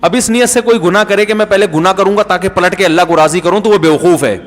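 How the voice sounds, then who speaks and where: A man's voice: high voice, faint music behind. A middle-aged man with a Pakistani Urdu accent giving a conversational sermon, telling jokey anecdotes and acting out the dialogue. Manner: jokey storytelling, acts out dialogue. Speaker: Islamic preacher. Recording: long hall reverb.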